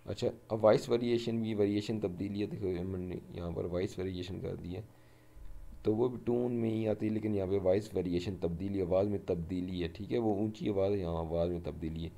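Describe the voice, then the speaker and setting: A man teaching a vocabulary lesson, explaining each word slowly, repeating "ٹھیک ہے" and reading English example sentences slowly. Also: deep voice, fairly even intonation, gravelly, mellow. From Pakistan. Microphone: voice-over over a screen recording.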